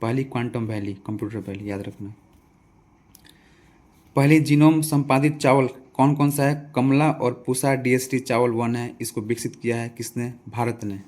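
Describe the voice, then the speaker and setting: A man's voice: medium pitch, steady tone, normal speed, a little mellow. A man with a Bihari Hindi accent teaching a casual exam revision lesson, asking quiz questions and answering them himself. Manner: conversational, repeats answers, asks and answers own questions.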